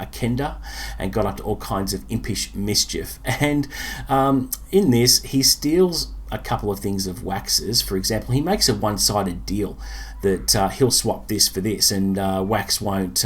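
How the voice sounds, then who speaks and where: A relaxed man reviewing a book. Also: fairly low pitch, measured pace, slightly rough. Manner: relaxed, many fillers and hesitations. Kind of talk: casual spoken book review.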